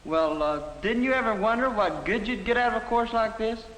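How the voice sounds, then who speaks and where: A man's voice: high voice, expressive, brisk, a bit bright, roomy sound, long reverb tail, slight background noise, rough recording. A young-sounding male actor playing a casual, skeptical teenage schoolboy in scripted 1950s educational film dialogue.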